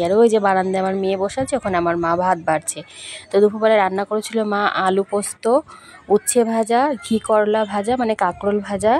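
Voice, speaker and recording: A woman's voice: mid-range voice, a little mellow, slight background noise. A young woman from West Bengal narrating her travel vlog in a friendly way, talking straight to her viewers, with a sore throat. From West Bengal, India. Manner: friendly, addresses viewers directly. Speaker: vlogger.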